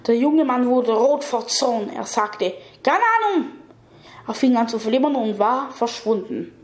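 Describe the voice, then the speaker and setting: A woman's voice: fairly high pitch, darkish tone. A woman reading a fantasy story aloud, with small slips and self-corrections, in an echoey room.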